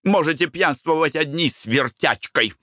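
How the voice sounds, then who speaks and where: A man voicing an irritable, sharp-tongued middle-aged wife in a storybook reading. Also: expressive, measured pace, dry recording, studio quality. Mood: scolding. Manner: scolding, shrill.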